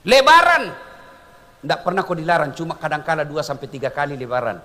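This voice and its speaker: A man giving a humorous sermon, joking and animated, asking his audience questions. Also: a little high, brisk, long reverb tail. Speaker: Islamic preacher.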